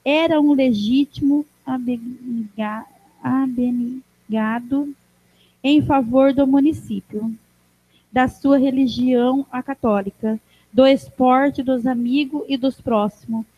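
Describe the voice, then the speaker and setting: A woman's voice: fairly even intonation, no room sound. A woman with a Brazilian Portuguese accent reads a formal tribute aloud in a council chamber, stumbling and restarting words as she goes. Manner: halting, restarts words while reading. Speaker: council member giving a tribute. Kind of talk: slow formal reading of a tribute. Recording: dry, dull low-fi sound.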